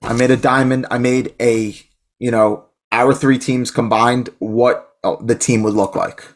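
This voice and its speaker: Excitable and rambling, this podcast co-host keeps restarting his sentences during a casual chat. He talks a little slowly, his voice in a typical middle range for a man.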